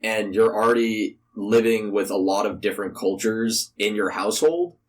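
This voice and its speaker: A young adult man from the United States, appearing as a podcast interview guest, gives casual, rambling answers peppered with "like." His voice is lowish and his speed normal.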